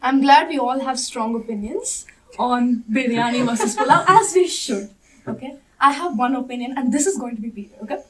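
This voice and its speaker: Young woman panelist, fairly high voice, decisive, slightly off-mic. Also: brisk, far from the mic, poor audio. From India. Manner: breezy, decisive. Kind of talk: student panel discussion. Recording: voice a bit off-mic.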